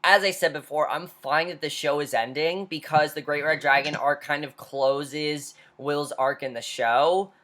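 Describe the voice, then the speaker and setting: A woman's voice: sits low, fairly even intonation, measured pace, few pauses, a bit bright. A woman reviewing a TV episode in a casual recap. She retells scenes loosely with restarts and keeps calling things interesting.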